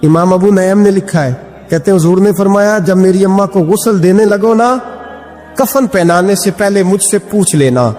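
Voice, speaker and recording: High-voiced preacher chanting in a hall. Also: male voice, a little mellow. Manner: storytelling with sung Punjabi verses and melodic chanting. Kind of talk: emotional sermon. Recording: long hall reverb with faint music.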